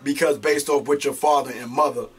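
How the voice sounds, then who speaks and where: A man's voice: medium pitch, steady tone, fairly quick, husky. A man hosting an interview, interjecting and probing with religious terms. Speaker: host.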